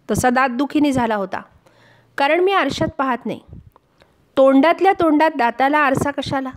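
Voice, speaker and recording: A woman teaching a class, reading a funny passage aloud and explaining it line by line. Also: high-pitched. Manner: reads a passage aloud, then explains it in plain words and acts out the dialogue. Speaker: Marathi teacher. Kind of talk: reading and explaining a humorous lesson text.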